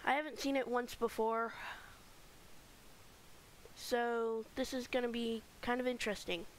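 Female gaming host, high voice, chatty let's-play commentary, home mic with light hiss. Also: steady tone, a little slow, rough recording. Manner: chatty, rambling tour-guide narration with fillers.

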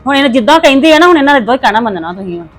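A woman's voice: sits high, big pitch swings, racing, faint music behind. Woman playing a soothing mother. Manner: soothing, pleading. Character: comforting older mother of the bride. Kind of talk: family drama acting.

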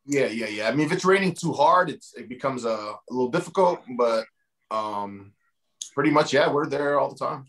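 Man on a group call, easygoing, average pitch. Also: animated, normal speed, fairly bright tone. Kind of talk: casual video call talk. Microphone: video call.

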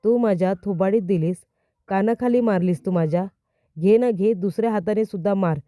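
A woman's voice: mid-range voice, a little fast, mellow, no echo, natural voice. A woman voicing a distraught, volatile young woman who pleads and questions in a dry, close recording, reading her lines in a recap.

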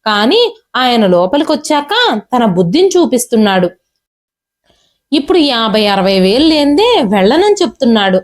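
A woman's voice: fairly high pitch, big pitch swings, normal speed. A woman storyteller voicing a cruel, arrogant grown son who talks down to his father harshly. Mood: shouting. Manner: harsh, dismissive, yelling.

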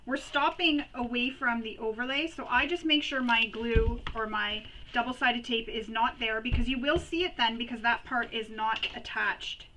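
A woman hosting a sewing tutorial, giving practical step-by-step instructions and pausing while she works. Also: a little high, distant mic, background noise. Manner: chatty and practical, pauses while working.

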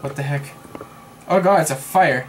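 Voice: mid-range voice, normal speed, noisy background. A gamer commenting on a horror game, teasing a co-player and laughing and exclaiming a lot. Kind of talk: horror let's play commentary.

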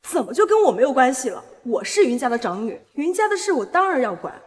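Haughty high-pitched spiteful elder sister. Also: female voice, big pitch swings, fast. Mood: sneering, accusing. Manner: accusing, sneering.

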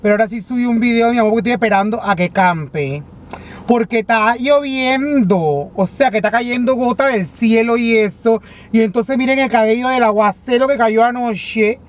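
Sitting in a parked car, a comic performer plays an indignant, vain TV diva who stammers through flamboyant complaints. The voice is mid-range and natural at a moderate pace, carrying a Panamanian Spanish accent, in a comedic character monologue by a comedy vlogger.

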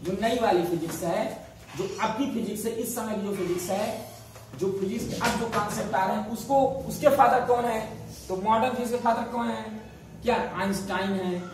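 A man's voice: sits high, fairly quick. A male science teacher leads a class from across a very echoey room, with the camera far away. He keeps asking his students questions and answering them himself, repeating every key term. Faint hiss runs under the recording. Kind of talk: classroom lesson.

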